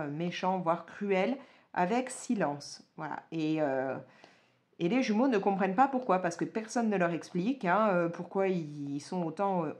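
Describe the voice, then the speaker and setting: A woman's voice: on the low side, a little mellow. Hesitant woman chatting about a book. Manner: hesitant, many fillers and restarts. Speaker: vlogger. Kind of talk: casual book review chat.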